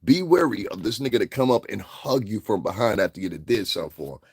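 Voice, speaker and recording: A low-voiced, husky man holds forth on a live stream, loud, mocking and quick to laugh. His pitch swings widely as he roasts commenters, and the sound is dry and close. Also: animated, no room sound. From northeastern United States. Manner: brash, mocking, laughs often. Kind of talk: casual live-stream chat answering comments.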